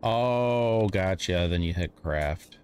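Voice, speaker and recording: A man hosting a casual multiplayer gaming session, relaxed and explaining the controls to his friends. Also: sits low, slow pace. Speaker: gaming channel host.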